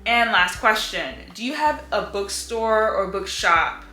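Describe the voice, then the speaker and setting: Her voice is medium-pitched, expressive, sharp, and a little slow as this young book vlogger talks casually about books at home. She fills her chatty speech with lots of "like," and the echoey room carries faint music.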